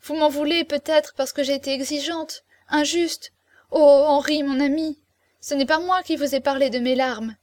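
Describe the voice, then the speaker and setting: Woman reading tender young woman, tearful, imploring, raised higher voice, dry close sound. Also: moderate pace, a little mellow, no room sound, natural voice. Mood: pleading. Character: young woman, tender, pleading, devoted ward. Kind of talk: audiobook character reading.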